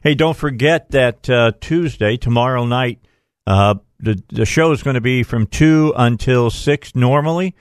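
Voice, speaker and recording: A man hosts conversational political talk radio with folksy, informal phrasing. His voice is mid-pitched and sits close on the microphone in a very dry studio. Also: a little slow, clear, resonant tone, dry recording. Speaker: radio talk show host.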